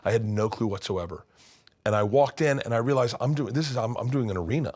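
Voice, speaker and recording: A comedian in his fifties telling stories as an interview guest, animated and swinging between loud and hushed. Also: medium pitch, quick pace. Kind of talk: candid storytelling in conversation. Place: his studio.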